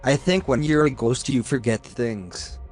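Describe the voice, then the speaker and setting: A man voicing a small, earnest young boy who speaks slowly and gently. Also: mid-range voice, faint music behind, natural voice. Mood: calm.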